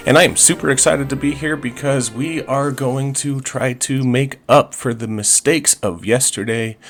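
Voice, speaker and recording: A man casually commenting over his life-simulation gameplay, chatty and upbeat, with frequent fillers and restarts. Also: mid-range voice. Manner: chatty, fillers and restarts, playful pirate talk. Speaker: gaming video host.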